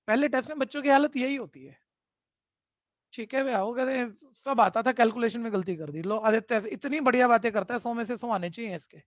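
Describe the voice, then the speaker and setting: A man's voice: high-pitched, no echo, studio quality. Stern male tutor lecturing students. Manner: keeps asking "ठीक है?" to check in. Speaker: math tutor. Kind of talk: online class lecture.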